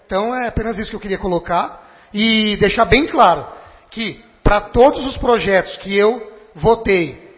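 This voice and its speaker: High-voiced Brazilian councilman, halting debate speech. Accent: Brazilian Portuguese. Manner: halting, repeats words, argumentative. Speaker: city councilman. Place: council chamber. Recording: dull lo-fi recording with long chamber reverb.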